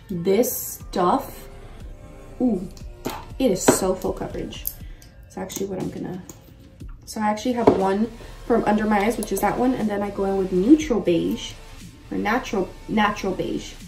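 In a bedroom-like room at home, a woman in her mid twenties with a mid-range voice does a makeup tutorial as a vlogger. Her chat is casual and full of slang and exclamations. The sound is roomy and echoey, picked up by a distant mic, with faint music behind her.

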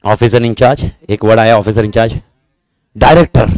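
A man teaching a class, talking fast and repeating himself, joking with his students. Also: fairly low pitch, darkish tone, no echo. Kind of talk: lively classroom lecture.

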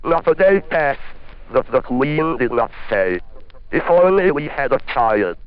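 Smooth robot guy reading a fairy tale, muffled old demo. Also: mid-range voice, animated, unhurried. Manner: evenly paced, robotic storytelling. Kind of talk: synthesized storytelling. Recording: dull archival demo recording.

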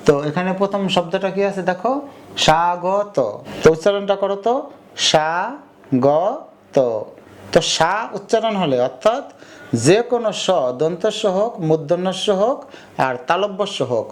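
A young man teaching an online grammar lesson, explaining step by step and saying example words again slowly. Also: sits high, lively intonation. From Bangladesh.

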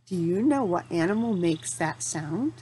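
With an animated voice on the low side, a middle-aged teacher guides young children through a lesson. She poses simple questions, waits for replies and offers encouragement against a noisy background.

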